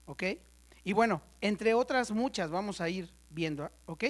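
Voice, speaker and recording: A woman teaching a church Bible study class, chatty and playful, constantly checking in with her students and spelling out terms slowly for the ones taking notes. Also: medium pitch, expressive. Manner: conversational, checks in with the class often.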